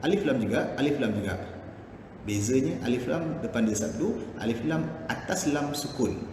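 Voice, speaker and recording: A man's voice: mid-range voice, expressive. Malaysian Malay male Quran teacher, echoey room. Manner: explains patiently, demonstrates by chanting verses slowly. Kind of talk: Quran recitation lesson with explanations. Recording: echoey room with background noise.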